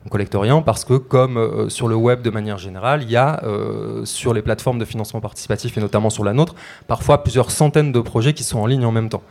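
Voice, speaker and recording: A man's voice: on the low side, steady tone, quick pace, gravelly, a little mellow. A man, a crowdfunding coach, giving a conversational explanatory talk with frequent hesitations.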